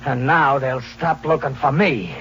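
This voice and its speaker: Cold and menacing, the actor's male voice is mid-range, a little slow, and natural as he plays a hunted, vengeful drifter on the run. The 1940s radio thriller uses first-person narration, tough slang, and melodramatic, haunted delivery, and the old recording is noisy and muffled, with hum.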